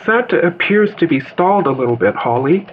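A man playing a male elf field reporter in a mock radio newscast, steady and reassuring, heard over a phone line. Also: fairly high pitch, brisk. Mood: calm. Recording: tinny phone-line sound with hiss.

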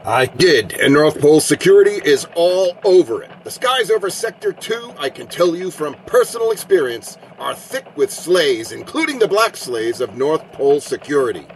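A man's voice: fairly high pitch, big pitch swings, moderate pace, few pauses, slight background noise, rough recording. A man playing a confident elf field reporter in a mock radio newscast, sounding assured and knowing.

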